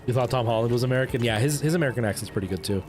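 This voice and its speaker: Over faint music, a livestreamer in his thirties from El Salvador, with a light Canadian accent, chats casually with viewers. He talks rapid-fire in a medium-pitched voice, rambling and restarting often.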